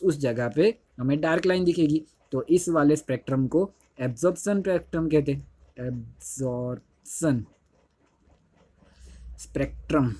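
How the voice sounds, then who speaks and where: Man teaching, dark dry voice. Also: fairly high pitch, no room sound. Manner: repetitive, keeps saying "dekho", self-correcting. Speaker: chemistry teacher. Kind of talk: casual classroom lecture. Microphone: phone held while writing on screen.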